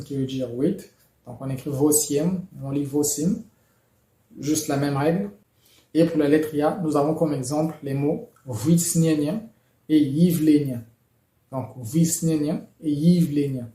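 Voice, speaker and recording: A man explaining pronunciation rules in a measured, methodical lesson, with occasional fillers. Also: a little high, steady tone, dark tone, roomy sound. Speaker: language teacher.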